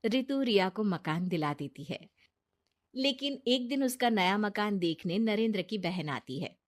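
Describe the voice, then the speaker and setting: A woman reads a cartoon story aloud, quietly and plainly. Her voice is mid-pitched. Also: animated, unhurried. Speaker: narrator. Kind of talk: scripted storybook narration.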